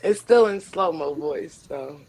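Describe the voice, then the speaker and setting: A woman's voice: medium pitch, animated, unhurried, a little mellow. A woman joining a casual podcast by call as co-host, making plain, slightly exasperated remarks.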